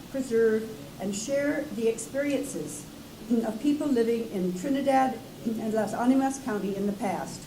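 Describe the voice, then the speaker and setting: A woman interviewer reading a formal introduction in a measured way. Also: fairly high pitch. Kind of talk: read-out introduction. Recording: echoey room with background noise.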